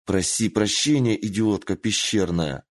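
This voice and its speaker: A man's voice: on the low side, a little slow, dry recording. A man doing a stern, hot-tempered princess. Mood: furious. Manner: commanding, growling.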